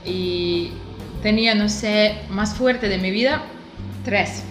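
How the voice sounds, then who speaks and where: A Russian-accented woman talks casually as an interview guest, feeling for words in a language that is not her own. Her voice sits at an average pitch. The room echoes around her and music plays clearly behind. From Siberia, Russia. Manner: halting, searching for words in a second language. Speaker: interview guest, visual artist.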